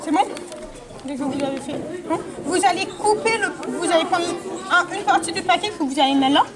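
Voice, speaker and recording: Briskly and in a very high voice, a magician keeps up live show patter at a kids' party, telling volunteers what to do and quizzing them during card tricks. Loud crowd noise echoes through the large indoor hall where it's recorded.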